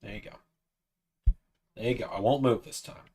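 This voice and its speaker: Young male streamer, low-ish voice, casual chatty delivery, coaxing sing-song when addressing a pet. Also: fairly even intonation, moderate pace, darkish tone, breathy edge. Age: 20s. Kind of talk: casual livestream chat.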